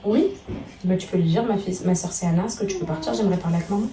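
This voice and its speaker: Here the mother-vlogger's voice sits fairly low, animated and fast, as she lavishes pet names on her kids before chatting informally to her audience, whom she addresses as girls. The recording is distant, echoey and noisy.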